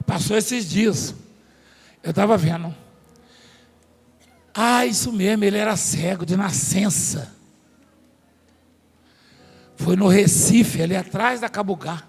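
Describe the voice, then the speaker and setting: A man's voice: high-pitched, creaky, slightly rough. A man preaching a sermon in a large church hall, telling stories and joking with the congregation and staff. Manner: storytelling, jokes with the congregation and staff. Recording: long hall reverb, faint music.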